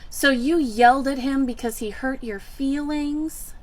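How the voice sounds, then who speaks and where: A woman voicing a defensive, entitled mother in an animated storytime, speaking in an accusing tone. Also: high voice, a little slow.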